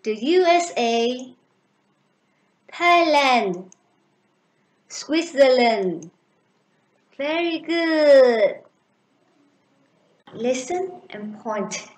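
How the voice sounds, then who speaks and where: A young woman teacher with a Vietnamese accent, drilling children slowly and clearly in an online English lesson on webcam. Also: sits high, animated, reverberant, low-quality recording. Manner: slow, clear, encouraging drilling.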